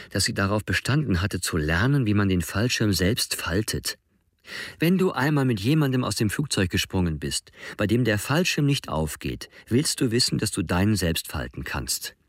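A man reading a first-person story aloud in an expressive way. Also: fairly low pitch, no echo, clean studio sound. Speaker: narrator. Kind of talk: audiobook narration.

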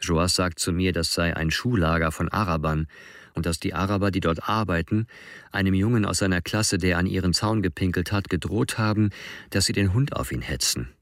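A man narrating a first-person story in a measured audiobook reading. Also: sits low, dry recording, studio quality.

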